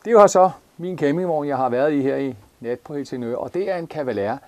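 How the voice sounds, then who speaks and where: A man's voice: a little high, over music. A man in his forties with a Jutlandic Danish accent, casually showing a caravan from inside, with many fillers and restarts. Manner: relaxed, many fillers and repeats. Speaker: caravan reviewer. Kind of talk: casual product walkthrough.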